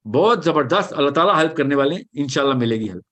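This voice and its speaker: A man answering audience questions in an animated lecture, emphatic and reassuring, often switching into English mid-sentence. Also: on the high side, very fast.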